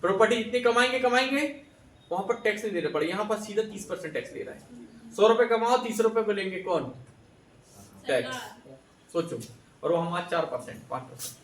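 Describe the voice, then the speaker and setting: A man's voice: high-pitched, animated, brisk, long pauses, a bit bright, a little hiss or hum. A man teaching a classroom, quizzing his students and repeating their answers back to them. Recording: echoey room, voice from a distance.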